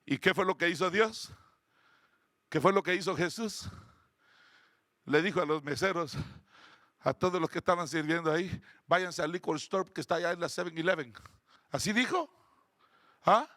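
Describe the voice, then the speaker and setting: A man preaching a fiery sermon in a Guatemalan Spanish accent, often shouting and asking the congregation questions. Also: sits high, normal speed, long pauses, no room sound, clean studio sound. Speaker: pastor.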